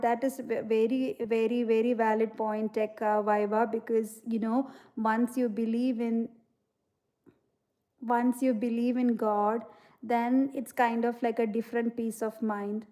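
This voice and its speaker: A woman hosts a casual livestream, talking earnestly about her beliefs. Her voice sits a little high but sounds mellow and warm. She leans on "you know" as she reflects and answers viewer comments. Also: level tone, measured pace. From India. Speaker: livestream host.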